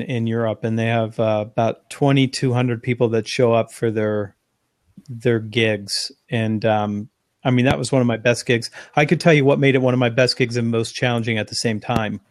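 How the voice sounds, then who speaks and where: A man, a guest on an interview, telling an animated anecdote in long run-on phrases. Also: medium pitch, normal speed, no echo, clean studio sound. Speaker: interview guest, sales speaker. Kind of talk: conversational storytelling.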